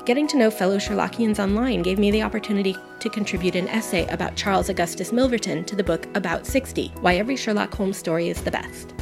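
A woman's voice: mid-range voice, quick pace, creaky, hardly any pauses. Woman reading an earnest essay over music. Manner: earnest, enthusiastic, reflective. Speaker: guest podcaster. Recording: music playing under the voice. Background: background music.

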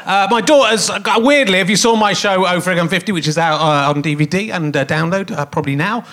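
A middle-aged man with a snotty cold hosts a comic live podcast from a theatre stage. His voice is high, fast, and fairly bright as he rambles, mocks himself, and uses plenty of fillers.

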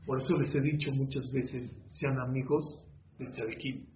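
A man's voice: mid-range voice, steady tone, moderate pace. A man giving a sermon as a rabbi, preaching with rhetorical questions and storytelling. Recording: echoey, phone-like with faint room noise.

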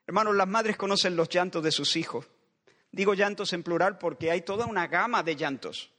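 A man's voice: sits high, brisk, pushed and bright. A man preaching a sermon in a church, building passionate pleading refrains that circle back again and again. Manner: impassioned, with repeated pleading refrains. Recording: long reverb of a large hall.

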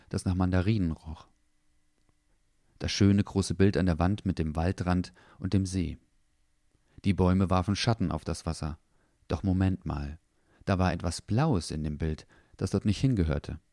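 A man narrating a children's story in a calm, even way. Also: sits low, dry recording, studio quality.

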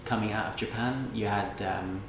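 A man's voice: lowish voice, steady tone, moderate pace. A man hosting a casual chat, rambling and reflective with many fillers. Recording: roomy echo, background noise.

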